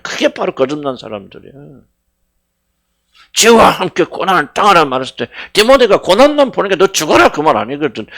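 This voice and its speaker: A middle-aged man preaching a sermon as senior pastor, fervent, swinging between loud cries and hushed words, questioning his congregation. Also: fairly high pitch, vocal fry. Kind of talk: sermon at a Friday prayer meeting.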